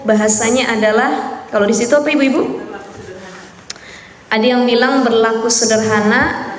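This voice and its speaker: Female religious teacher, high voice, instructive and carefully enunciated, lecturing with long hall reverb. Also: a little hiss or hum. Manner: didactic, repeats key phrases, checks understanding with tag questions. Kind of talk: Islamic study lecture to a women's class.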